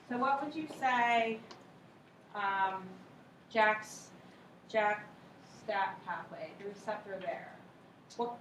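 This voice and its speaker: A woman's voice: medium pitch, fairly bright tone. A woman professor giving an informal, conversational lecture in a lecture hall, checking in with her students. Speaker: university lecturer. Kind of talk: classroom lecture on cell biology with questions to students. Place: lecture hall or classroom, recorded from some way off. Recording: roomy echo, distant mic, faint noise.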